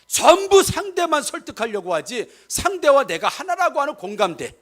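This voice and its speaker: A man preaching a sermon to his church with a high, lively voice that swings widely in pitch. He talks straight to the congregation, and his emphatic delivery climbs toward near-shouts when he acts out arguments. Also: moderate pace. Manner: addresses the congregation directly, asking questions. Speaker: pastor.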